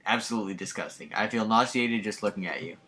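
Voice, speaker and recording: A man's voice: fairly low pitch, fast, sharp tone. A man voicing an uptight, irritable teenage girl top student who speaks in a stern, scolding way. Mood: disgusted.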